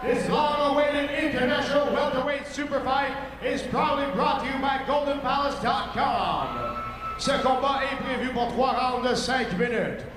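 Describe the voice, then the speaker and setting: A man working as a bilingual ring announcer, hyping the fight like a brash promoter with drawn-out introductions. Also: very high voice, steady tone, over music. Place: large indoor fight arena. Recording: echoing arena PA, loud crowd noise. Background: crowd.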